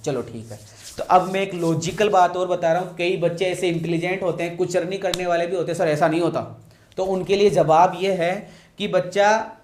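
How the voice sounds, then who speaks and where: High-voiced male teacher, echoey room. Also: a little mellow. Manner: repetitive, asks questions and answers them himself. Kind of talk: classroom-style lecture.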